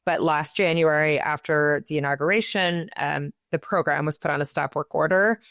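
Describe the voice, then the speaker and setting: A woman's voice: low-pitched, moderate pace, fairly bright tone, no room sound, clean studio sound. A woman speaking as an interview guest, explaining her nonprofit's work in an earnest way with many small restarts. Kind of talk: interview answers.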